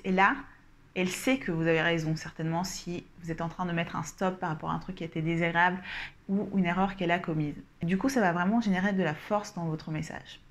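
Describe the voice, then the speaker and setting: Calm woman coaching self-assertion. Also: medium pitch. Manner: calm, deliberate and explanatory; gestures while explaining. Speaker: communication coach. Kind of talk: instructional coaching talk to camera.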